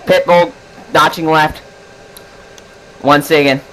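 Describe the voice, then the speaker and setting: A man's voice: a little high, level tone, takes it slowly, crowd noise, poor audio. A man talking like a hotshot pilot, giving clipped military brevity calls as element leader in a flight sim game. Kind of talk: military radio brevity calls during gameplay. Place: online voice chat over a flight simulator.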